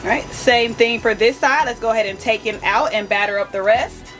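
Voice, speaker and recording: Woman vlogger, bright-pitched, chatty kitchen talk, faint music behind. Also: a little fast. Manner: chatty, talks straight to viewers as "y'all", with fillers. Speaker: cooking vlogger. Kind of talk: casual cooking vlog.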